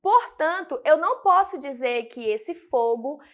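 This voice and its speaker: A woman's voice: high voice, animated, a little slow, fairly bright tone. A woman with a Brazilian Portuguese accent teaching a recorded grammar lesson, speaking straight to her students and checking in with them often. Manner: didactic, addresses students directly with frequent check-ins.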